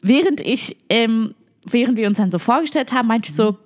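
Woman, casual storyteller, slightly high voice, animated, acts out quotes. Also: fairly quick.

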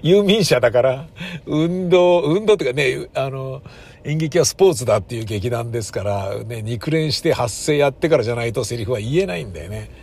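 A man's voice: mid-range voice, lively intonation, brisk, vocal fry, a little mellow, husky. Wistful man telling stage memories. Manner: wistful storyteller who acts out quoted lines. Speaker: stage actor. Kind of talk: casual spoken reminiscence.

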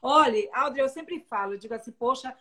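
A woman's voice: high voice, a little fast, a crowd in the background. A woman from Salvador, hosting an interview and speaking with emphatic enthusiasm. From Salvador, Bahia, Brazil. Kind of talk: casual interview chat.

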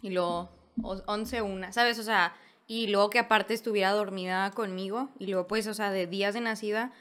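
A woman's voice: medium pitch, steady tone, normal speed, fairly bright tone. A woman with a Mexican accent in casual chat, rambling in slangy speech with many fillers.

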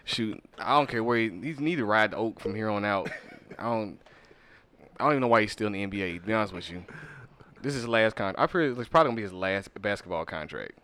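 A man's voice: lowish voice, animated, fast, a bit bright. A man in casual podcast chat, laid-back and upbeat, laughing easily.

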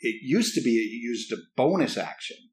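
A man playing a tabletop game, asking rules questions in an easygoing, fairly quiet way. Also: mid-range voice, animated, brisk. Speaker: player. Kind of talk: casual tabletop game chat.

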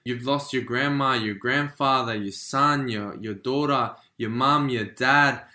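Motivational podcast host, male, bright energetic delivery, echoey room. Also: medium pitch, a little slow. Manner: energetic, repeats "right?" and "you know"; acts out quoted feelings. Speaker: podcast host, life coach. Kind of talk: motivational talk.

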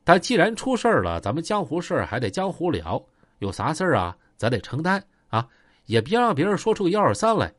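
A man doing a calm, authoritative gang boss. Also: a little high, fairly quick, dry recording. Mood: reassuring. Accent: Northeastern Chinese. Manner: steady, reassuring, authoritative.

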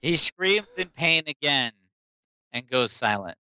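A man's voice: on the high side, animated, a little slow, bright, forceful tone, a little hiss or hum, rough recording. A man narrating a tabletop game as game master, describing events and answering players.

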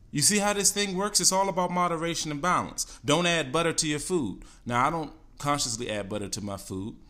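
A man's voice: medium pitch, sharp tone. A man coaching listeners on healthy eating and exercise in a solo podcast episode, casual, often checking in with "all right?" and "okay?". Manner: casual with fillers and self-corrections. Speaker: fitness coach.

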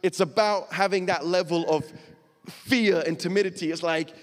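A man with a high, steady voice delivers a sermon as pastor, speaking into a mic on a church stage. His explanations feel conversational, broken by dramatic pauses, and a long hall reverb hangs over the sound.

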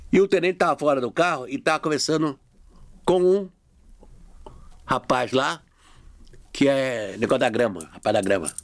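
Animated storytelling man, very dry sound. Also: mid-range voice, no room sound. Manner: animated, acts out dialogue with shifting voices. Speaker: podcast guest. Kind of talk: casual storytelling.

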